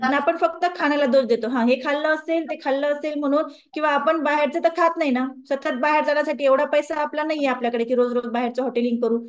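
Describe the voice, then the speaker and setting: A high-pitched woman teaches a wellness class and turns often to the group with questions. The recording sounds dull and lo-fi. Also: fairly even intonation, fast talker, hardly any pauses. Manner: conversational, asks the audience questions. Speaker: wellness coach. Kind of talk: lecture to a group.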